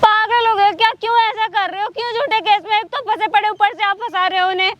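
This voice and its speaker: A woman's voice: very high-pitched, fairly even intonation, quick pace, highs cut off. A woman playing a desperate young woman who pleads, argues and cries to get her father freed. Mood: pleading. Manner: pleading, tearful. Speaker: victim in a short film.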